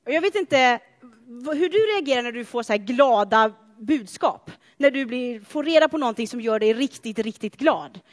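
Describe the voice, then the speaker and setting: A woman preaching a sermon in a church, telling stories in a chatty, animated way with playful asides to the congregation. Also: fairly high pitch. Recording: long church reverb.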